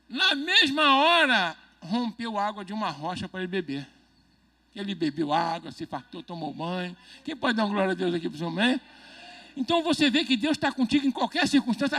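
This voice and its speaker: A man's voice: sits high, bright, forceful tone. A man preaching a midweek church sermon as pastor, talking conversationally, joking and constantly checking the congregation with questions. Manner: jokes and chuckles between points.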